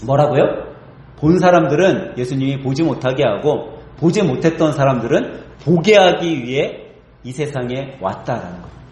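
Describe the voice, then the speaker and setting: A man's voice: mid-range voice, expressive, normal speed, darkish tone. A man preaching an expository sermon as a pastor. He keeps asking the congregation rhetorical questions. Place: church sanctuary. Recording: echoey church hall.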